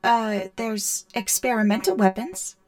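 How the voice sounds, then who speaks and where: A woman voicing a childlike female android in a tabletop game, answering in slow, halting bursts, often stuck repeating yes and no. Her voice sits at an ordinary pitch, recorded dry and close. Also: lively intonation, dry recording. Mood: plain.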